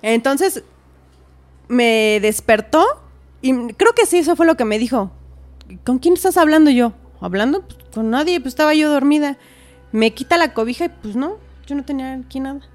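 A woman with a high-pitched voice, talking at normal speed, appears as a podcast guest sharing a personal story casually. She is animated and acts out the dialogue of other people.

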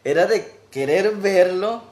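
A man's voice: high-pitched, lively intonation, slow pace, a little mellow. A man with a Mexican Spanish accent, telling a story in a casual chat with wry, dry humor. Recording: echoey room.

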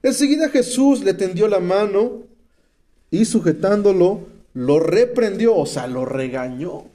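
A man with a Mexican accent preaches a testimony sermon, slangy and emphatic as he reads scripture and explains it. His voice sits high yet sounds mellow and warm, never sharp. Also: animated, measured pace. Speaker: speaker at a rehab center.

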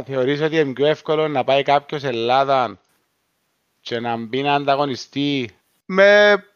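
Male, Cypriot Greek accent, smooth clear voice, casual discussion, dry and slightly dull recording. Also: on the high side, a bit bright, no room sound.

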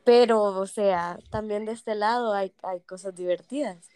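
A woman's voice: medium pitch, a little slow, clear, resonant tone, no room sound, studio quality. A woman, casually telling family stories on a podcast and acting out the people she quotes. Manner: animated, acts out quoted voices. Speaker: podcast co-host. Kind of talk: casual storytelling chat.

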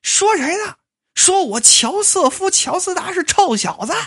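Woman doing a cocky young guy, swaggering, stammering, lively swooping pitch. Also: moderate pace. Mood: belligerent. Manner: swaggering, quarrelsome, bursts into flustered stammering. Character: brash cocky young man back from the dead. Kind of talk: comic storytelling.

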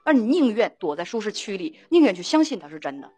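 A woman's voice: mid-range voice, very animated, quick pace, over music. A middle-aged woman hosting an emotional talk show, telling stories and acting out both sides of each conversation with repeated words and laughs. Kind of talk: storytelling talk-show monologue.

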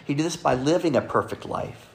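A man preaching a Sunday sermon to a congregation, earnestly quoting scripture and often dropping to a soft, quiet delivery. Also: fairly high pitch, animated, brisk, gravelly. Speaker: pastor. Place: church service with congregation.

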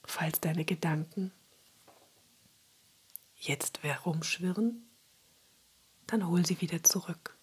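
Breathy woman whispering a slow guided relaxation. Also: fairly low pitch. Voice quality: breathy, husky. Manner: soft spa-like whisper, slow and soothing instruction.

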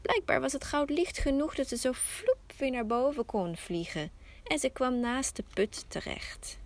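A woman hosting a podcast, telling a fairy tale slowly and softly, often close to a whisper. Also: high voice. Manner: slow, soft storytelling, often near a whisper. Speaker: podcast host and storyteller.

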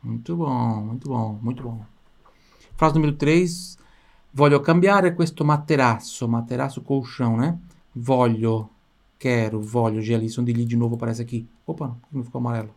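A Portuguese-speaking man teaching an Italian lesson, stretching words out slowly for pronunciation and then chatting quickly in between. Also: medium pitch, vocal fry. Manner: slow, drawn-out pronunciation drills between quick asides. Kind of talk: language lesson.

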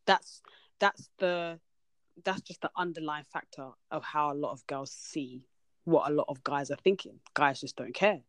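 A woman's voice: low voice, moderate pace, no room sound. A young woman hosting a casual podcast chat. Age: young adult. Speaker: podcast host.

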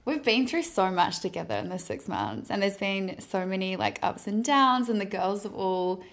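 A woman's voice: mid-range voice, big pitch swings, normal speed. A woman co-hosting a podcast, chatting casually in an effusive, slangy, girlfriend-to-girlfriend way. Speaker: podcast co-host.

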